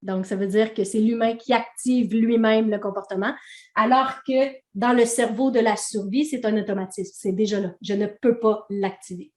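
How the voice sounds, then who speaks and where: A woman's voice: a little high, fairly even intonation, normal speed, reverberant. A woman with a Québécois accent teaching a training session in a conversational way, often checking in with her audience.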